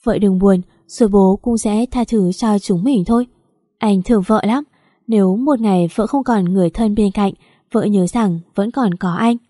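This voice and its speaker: A woman voicing a gentle, doting young husband who speaks softly and affectionately in an audio story. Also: medium pitch, moderate pace, dry recording, studio quality, natural voice. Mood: tender. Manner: soft and affectionate.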